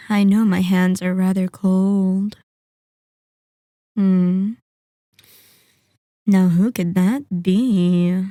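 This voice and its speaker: In an ASMR roleplay recorded very close and dry, a woman uses her natural, mid-range voice, soft and mellow, as a sadistic vampire lord toying possessively with a captive hunter. Her mood is mocking sweetness, and she delivers lines slowly, silky and mock-polite with teasing menace.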